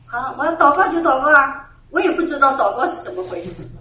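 Her voice is high, sing-song and sharp, moving fast as this middle-aged woman earnestly tells her personal testimony at a church gathering, repeating phrases and laughing occasionally. The room recording is echoey, distant and dull, with a little hiss or hum.

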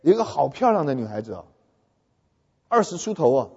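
A man preaching a sermon through lively storytelling, often putting questions to his audience. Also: medium pitch, brisk, gravelly, breathy edge. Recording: echoey hall, dull lo-fi sound.

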